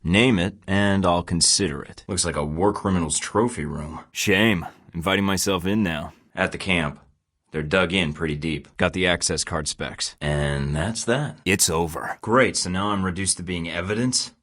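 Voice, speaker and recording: He has a low, fairly bright voice and a moderate pace. Voicing a cool-headed, wry young secret agent for a video game, he keeps his lines dry, sarcastic and clipped, in the style of field radio talk.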